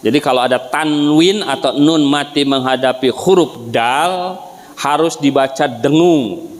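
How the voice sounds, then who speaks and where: A man teaches Quran recitation in a mosque, chanting syllable drills slowly and explaining in quick asides. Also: fairly high pitch. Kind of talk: tajwid lesson with chanted drills. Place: mosque hall. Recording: reverberant mosque hall.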